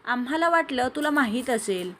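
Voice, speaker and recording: A playful young man needles his friends with cheeky jokes, voiced by a woman storyteller. His lines come out light and a little higher than a man's. Underneath is a soft, faint hiss. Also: animated, normal speed. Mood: teasing.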